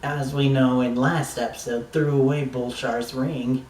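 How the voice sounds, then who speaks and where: A man talks through a TV episode in a slow, unhurried drawl, with the rambling enthusiasm of a fan who swears now and then. His voice sits a little off from the microphone in a roomy, echoing space, with faint ambient noise behind him. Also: medium pitch, little pitch movement, a little mellow, recorded from a distance. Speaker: TV episode reviewer. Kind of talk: casual review monologue.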